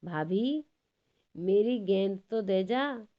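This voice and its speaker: A woman's voice: medium pitch, lively intonation, very slow, lo-fi sound. A woman voicing a playful, mischievous young cowherd boy who teases in a sweet, coaxing way. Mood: teasing.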